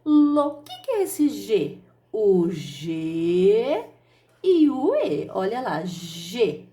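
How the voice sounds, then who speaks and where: A woman's voice: medium pitch, huge pitch swings, extremely slow, warm tone. A woman teacher giving a children's phonics lesson, sounding out syllables in an affectionate, sing-song way.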